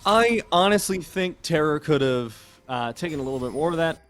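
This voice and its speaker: A man giving chatty, joking color commentary on a high school esports match. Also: expressive, moderate pace, fairly bright tone. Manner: chatty, joking, laughs often.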